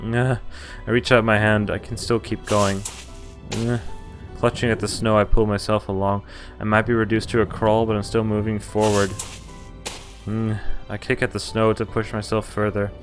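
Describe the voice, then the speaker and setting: Streaming a visual novel, a man reads its story aloud dramatically over game music, in a fairly low, level voice at a moderate pace. He keeps breaking off into spontaneous, incredulous asides.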